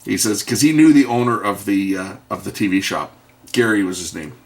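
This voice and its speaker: A middle-aged man tells a casual, rambling story with wry humour as he tinkers at his bench. He drops into quieter muttered asides about the repair now and then. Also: fairly low pitch, fairly quick. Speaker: video maker and electronics tinkerer. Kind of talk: casual anecdote told while repairing.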